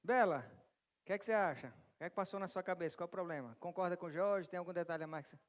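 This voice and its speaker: Um pastor brasileiro pregando e fazendo perguntas à congregação, com um jeito animado e bem-humorado. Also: male voice, high voice, fast. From Brazil. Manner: lively, asks the congregation questions and jokes with them. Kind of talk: interactive sermon. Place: church hall. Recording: long church reverb.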